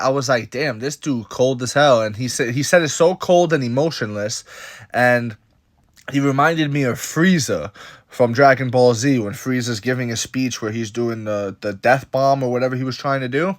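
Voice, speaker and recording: Man, mid-pitched, casual opinionated vlog commentary, animated and repetitive, dry close-mic sound. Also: moderate pace, no room sound. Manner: animated, opinionated, repeats points. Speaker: MMA commentator.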